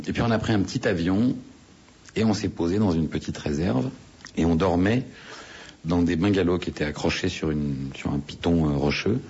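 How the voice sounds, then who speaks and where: A man telling a relaxed anecdote as a radio interviewee, chatty, with hesitant fillers and restarts. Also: low-pitched, breathy edge. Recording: dull lo-fi radio sound.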